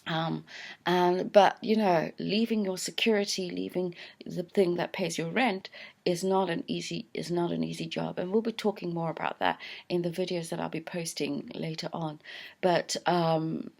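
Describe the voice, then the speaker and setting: Gravelly-voiced woman in her fifties. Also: lowish voice, steady tone, normal speed, a little mellow. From London. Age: 50s. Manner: hesitant, reflective, many fillers and restarts. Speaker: channel owner. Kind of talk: casual talking-head vlog. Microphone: close camera framed on mouth.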